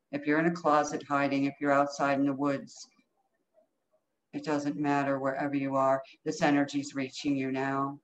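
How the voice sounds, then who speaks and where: A woman guides an energy healing session in short, incantatory phrases, often repeating her commands. Her pitch stays fairly flat and sits mid-range. The call audio is lo-fi, with faint noise behind her. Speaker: energy healer leading a group healing call.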